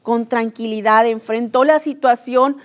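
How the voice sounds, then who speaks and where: High-voiced woman preaching a sermon. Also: a little slow, clear, resonant tone. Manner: earnest storytelling of scripture, acting out quoted cries.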